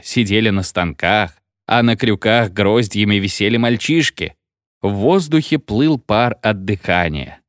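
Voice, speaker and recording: A man reading a satirical short story aloud in an expressive, theatrical storytelling manner. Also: medium pitch, no echo, clean studio sound. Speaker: reader.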